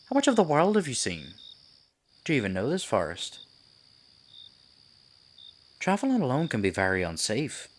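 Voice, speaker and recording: Guy doing a creepy silky piper villain for asmr roleplay, deep and coaxing, very up and down storyteller delivery, crickets in the background. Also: a little hiss or hum. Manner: theatrical, coaxing, condescending, deliberate. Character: sinister Pied Piper, silky, theatrical storyteller luring a victim. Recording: night insects and forest ambience behind. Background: crickets, night forest ambience.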